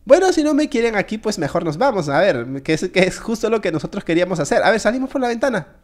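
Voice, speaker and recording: Excitable man commentating a game. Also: high voice, quick pace. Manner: jokey, excitable, talks straight to viewers. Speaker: gaming video creator. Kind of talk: casual gameplay commentary.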